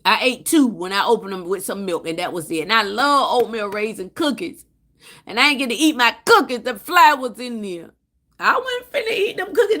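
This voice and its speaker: Animated woman chatting on a phone livestream. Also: a little high. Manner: animated storytelling, calls out to viewers by name. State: tired. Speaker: livestream host. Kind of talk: casual live-stream chat.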